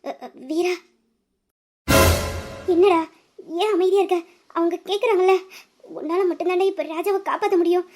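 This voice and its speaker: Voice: very high voice, fairly even intonation, normal speed, long pauses, a little mellow, soft background music. A woman playing a young woman who urgently presses a man to go and give blood. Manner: urgent, insistent.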